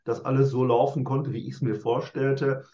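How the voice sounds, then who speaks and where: A man in his sixties answering interview questions in a measured, formal, well-structured way. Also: mid-range voice, flat delivery, dark tone, roomy sound, lo-fi sound. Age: 60s.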